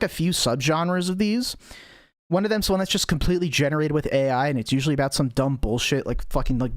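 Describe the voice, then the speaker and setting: A man's voice: a little high, no echo, studio quality. A man commenting on videos during a live stream, rambling and sarcastic, with a lot of swearing and filler words.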